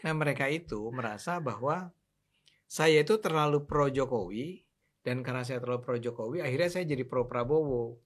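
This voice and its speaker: An older man holding forth on a talk show. His voice sits at an ordinary middle pitch, and he tells his story with animated, opinionated conviction, leaning hard on his points. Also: brisk. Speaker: political commentator. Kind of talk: casual talk show chat.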